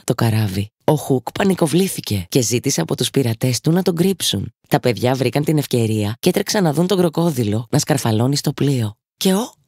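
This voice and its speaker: A woman narrating a children's storybook with an expressive storytelling lilt, in a studio. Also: a bass voice, husky, dry recording. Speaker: audiobook narrator.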